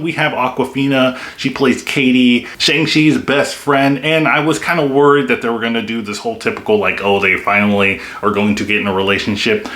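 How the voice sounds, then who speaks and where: In an echoey room, a young movie reviewer talks excitedly and casually about a film, filling his speech with plenty of "like" and "you know." His voice is medium-pitched with a fairly bright tone.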